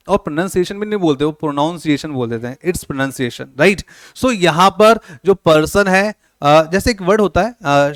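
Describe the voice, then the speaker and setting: A man's voice: on the high side, smooth, no echo, studio quality. A man teaching a classroom lecture, joking with and quizzing his students, mixing with words. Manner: playful, teasing students with questions.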